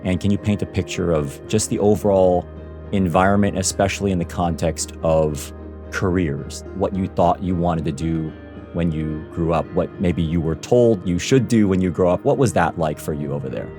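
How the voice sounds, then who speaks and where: A man's voice: deep voice, moderate pace, mellow, faint music behind. A man hosting a career podcast and asking his guest questions. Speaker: podcast host. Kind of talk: interview podcast.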